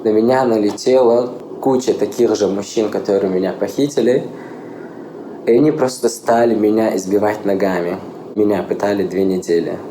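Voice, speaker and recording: A man, quietly and haltingly recalling his experiences in an interview. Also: fairly low pitch, fairly even intonation. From Chechnya. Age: 20s. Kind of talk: testimony interview. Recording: roomy echo, faint ambient noise.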